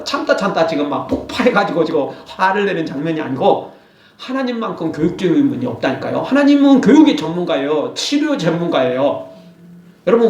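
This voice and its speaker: Man preaching in a church, high lively voice, roomy sound from a distance. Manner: animated preaching, acts out scolding quotes. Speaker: pastor. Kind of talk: sermon.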